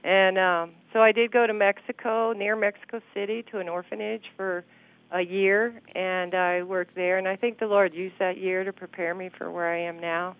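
A woman in her sixties from Arizona, recalling her years of mission work in an unhurried way, pausing with many ums. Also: medium pitch, level tone, smooth, dry recording. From Phoenix, Arizona, USA. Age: 60s. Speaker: longtime mission worker. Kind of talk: casual interview, personal story. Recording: narrow phone-like sound.

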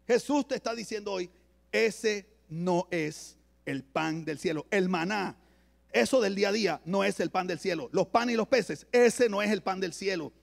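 A male pastor preaching an emphatic sermon to a church, swinging from loud declarations to low asides. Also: moderate pace, creaky.

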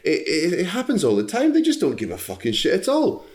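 A man's voice: sits high, wildly swooping pitch, brisk, a little mellow. A man speaking bluntly and sarcastically, with profanity, in a casual political discussion.

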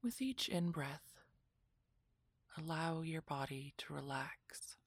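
A woman narrating a guided relaxation meditation in a soft, soothing, breathy voice that often drops into a whisper, like a spa session. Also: sits low, animated, slow, dry recording.

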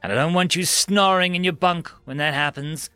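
A man's voice: on the high side, moderate pace, pushed and bright, clear, resonant tone, no room sound, faint music behind, voice pushed up. A man voicing a stern, commanding female starship captain.

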